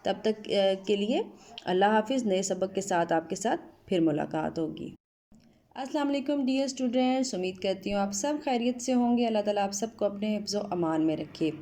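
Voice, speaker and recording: A woman teacher from Pakistan giving an online Urdu lesson to students, drawing out each word slowly as she spells it. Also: medium pitch, lively intonation, dark tone. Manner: slow, drawn-out spelling of words. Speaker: school teacher.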